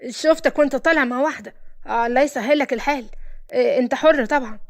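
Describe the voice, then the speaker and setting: A woman's voice: high voice, very fast. An Egyptian woman voicing a sly, threatening male doorman who wheedles and menaces. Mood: menacing.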